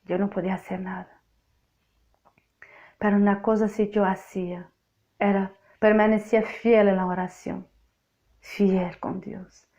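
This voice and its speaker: A woman's voice: mid-range voice, little pitch movement, a little slow, pauses often, warm tone, lo-fi sound. A woman from Portugal with a Portuguese accent, Portuguese native, giving an emphatic, repetitive spoken testimony sermon. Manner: emphatic, repeats phrases for effect.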